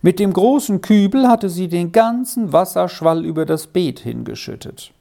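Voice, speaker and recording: A woman reading a children's story aloud in a calm, measured way. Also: lowish voice, gravelly. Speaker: narrator.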